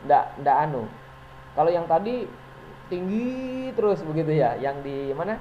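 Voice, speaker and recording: A man's voice: a little high, very animated, measured pace. A man teacher giving an informal presentation to fellow teachers, chatty and hesitant, full of fillers and little chuckles. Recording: dull lo-fi recording with faint noise.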